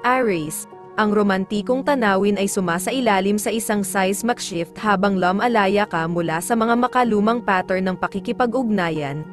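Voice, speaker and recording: A woman narrating daily horoscopes in a measured, formal reading style. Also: mid-range voice. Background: faint background music.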